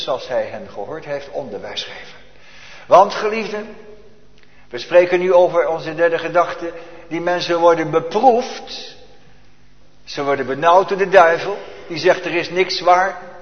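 A man preaching a sermon, swinging between loud emphatic cries and hushed low asides. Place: church. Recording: echoey lo-fi church hall recording.

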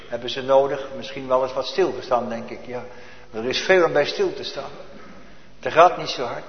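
A man preaching a sermon, swinging between loud emphatic cries and hushed low asides. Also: slight background noise. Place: church. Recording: echoey lo-fi church hall recording.

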